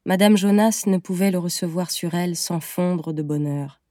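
Low, mellow woman narrating a story. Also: dry recording, clean studio sound. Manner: measured, gentle storytelling. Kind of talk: scripted audiobook narration.

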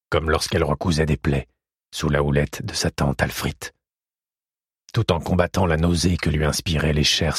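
Low husky guy narrating an audiobook, steady and calm, dry close recording. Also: dry recording. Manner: steady measured storytelling. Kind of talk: scripted narration.

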